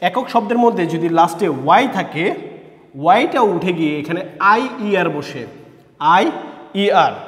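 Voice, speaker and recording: High-voiced teacher in an echoey room. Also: male voice. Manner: slow, explanatory, spells words letter by letter. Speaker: English teacher. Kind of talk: classroom grammar lesson. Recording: echoey room with long reverb.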